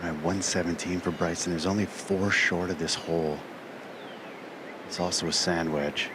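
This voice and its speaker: A man's voice: sits low, steady tone, normal speed. A man giving live golf commentary from the course in informal, terse shot-by-shot remarks. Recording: outdoor broadcast with clear background noise.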